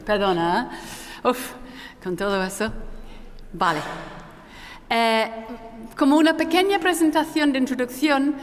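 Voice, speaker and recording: A woman moderating a conference panel in an informal, halting way, her voice carrying a cathedral-like hall echo. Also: a little high, a little hiss or hum. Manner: informal, halting, often restarting words. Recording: long reverb in a large echoey hall.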